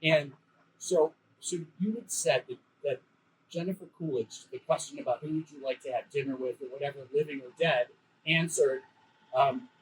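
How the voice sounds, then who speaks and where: A man's voice: fairly high pitch, moderate pace, a little hiss or hum, poor audio. A middle-aged man talking as a guest inside a car, earnest and repeating words as he thinks. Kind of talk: casual chat.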